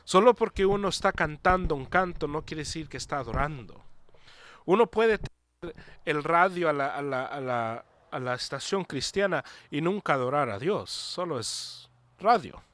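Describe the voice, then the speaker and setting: Earnest preaching man, slightly high voice. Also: animated, moderate pace, fairly bright tone, dry recording. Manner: earnest preaching with restarts and repetition. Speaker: pastor. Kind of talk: sermon.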